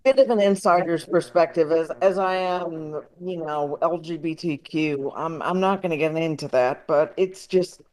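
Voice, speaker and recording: Heard through poor audio, a podcast guest who writes comedy and makes films talks casually in a halting, rambling, self-deprecating way. His slightly high, somewhat mellow voice moves at a moderate pace with few pauses.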